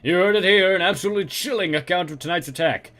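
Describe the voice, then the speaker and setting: A man's voice: sits high, quick pace, bright, forceful tone, faint music behind. A man voicing a male TV news reporter, delivering each line in a punchy newscaster style. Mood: urgent.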